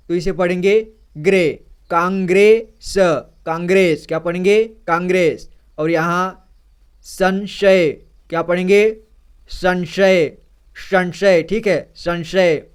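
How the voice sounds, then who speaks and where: Male reading teacher, high and clear, unhurried, repeats each word and checks in with an okay. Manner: reads each word twice, asks "क्या पढ़ेंगे?" and answers; ends many lines with "ठीक है". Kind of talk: slow reading lesson for beginners.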